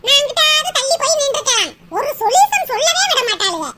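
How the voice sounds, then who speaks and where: Someone voicing shrill bossy cartoon village women. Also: sing-song, fast, exaggerated voice. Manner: loud, bossy, teasing banter. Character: nosy, tactless village women neighbors. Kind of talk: cartoon comedy voice acting. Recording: loud background noise.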